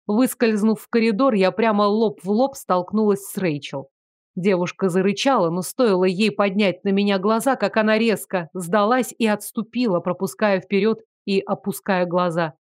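Female audiobook narrator, first-person fantasy, expressive; dry close sound. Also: mid-range voice, dry recording.

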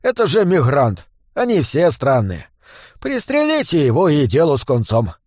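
Gruff dwarf guy, bossy and blunt, dry close sound , as a narrator voices him. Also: on the high side, huge pitch swings, moderate pace, darkish tone, no echo. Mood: grumbling. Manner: gruff, grumbling.

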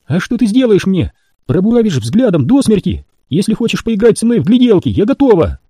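A man voices a fierce, defiant young woman in a heavily acted performance, pitched above his own voice. He talks fast, high, and sing-song, with a warm, slightly rough tone, in clean studio sound with no room sound.

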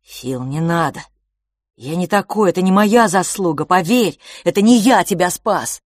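A woman voicing an impassioned young boy, a dreamer quick to anger, pleading near tears in an audiobook. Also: on the low side, expressive, dry recording, clean studio sound. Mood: agitated pleading. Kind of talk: audiobook character voice.

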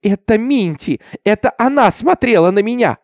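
A man's voice: sits high, lively intonation, moderate pace, darkish tone, dry recording, studio quality, pitched above the performer's own voice. Man doing a whimpering frightened girl. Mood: hysterical.

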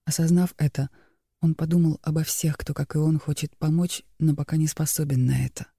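A man calmly reading a spiritual book aloud as a narrator, in a measured, even manner. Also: fairly high pitch, vocal fry, breathy edge, dry recording, studio quality. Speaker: audiobook narrator.

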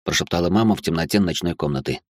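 A man's voice: low-pitched, rapid-fire, no room sound. A man narrating an audiobook in a wry, sardonic first-person voice. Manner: wry, sardonic inner monologue.

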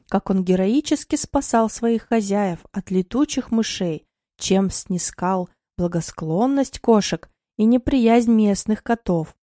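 A woman reads a story aloud with an expressive, lyrical delivery. Her voice is warm and mellow. The recording is dry and close, with no room sound. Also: mid-range voice, no room sound. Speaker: audiobook narrator. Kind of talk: scripted storybook narration.

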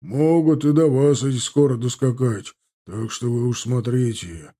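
A gruff cossack horseman in an audiobook, read by a man, calling out a hurried warning. The tone is mellow and dark, only slightly lifted from the narration. Plain medium pitch. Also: close to an everyday voice. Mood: urgent. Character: gruff adult male cossack scout on horseback.

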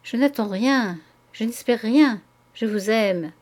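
A woman's voice: fairly high pitch, takes it slowly. A woman reading an ardent young lover. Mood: ardent pleading. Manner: ardent, pleading, hushed. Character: passionate young man declaring his love.

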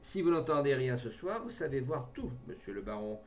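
A man reading aloud voices a haughty, jealous young countess with a sharp, piqued manner. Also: high voice, very animated, a little fast, a little hiss or hum, voice pushed up.

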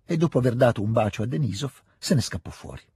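A man with an Italian accent reading a classic novel aloud in a measured, calm audiobook style. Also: mid-range voice, slightly rough, no echo, clean studio sound. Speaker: narrator.

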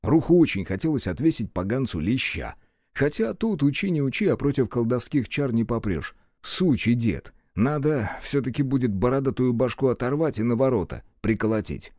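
Brief: male storybook narrator, animated delivery, dry studio. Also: mid-range voice, moderate pace, no room sound. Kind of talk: audiobook narration.

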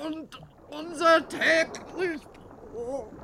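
An actor playing a terrified, weakening drowning ship's cook in a radio drama, gasping and crying out. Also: male voice, very high-pitched, drawn-out words, background noise, heavily acted. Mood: panicked. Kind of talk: theatrical radio drama acting.

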